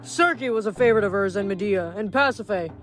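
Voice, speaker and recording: A woman's voice: medium pitch, expressive, a little fast, faint music behind, close to an everyday voice. Woman voicing a scornful giant man. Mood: taunting. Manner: taunting, theatrical. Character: menacing male giant, scornful and boastful.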